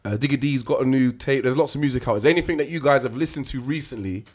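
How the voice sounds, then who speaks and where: Young london guy hosting a podcast, normal pitch, casual slangy chat. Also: fast, a little mellow. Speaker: podcast host.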